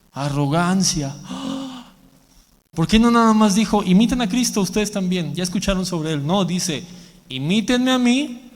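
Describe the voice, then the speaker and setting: A man preaching a sermon as a pastor, animated, leading the congregation in repeating a verse. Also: high voice. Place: church hall. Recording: long church hall reverb.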